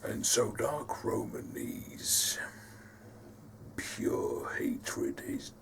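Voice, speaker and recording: A man doing a deep, growly dark self. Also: drawn-out words, in a whisper, recorded from a distance. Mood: menacing. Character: dark male embodiment of grief and hatred.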